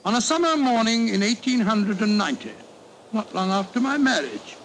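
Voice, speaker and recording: An actor playing an older doctor telling a story in 1940s radio drama style, bluff and chuckling. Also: male voice, sits high, lively intonation, normal speed, a bit bright, rough recording. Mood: reminiscing. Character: older male English doctor, genial storyteller. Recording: old radio broadcast with faint hiss.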